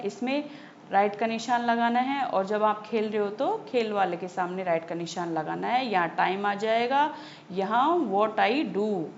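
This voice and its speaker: A woman teacher explaining a textbook lesson to children, slowly and patiently, repeating key points. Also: medium pitch. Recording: slightly dull lo-fi audio with faint noise.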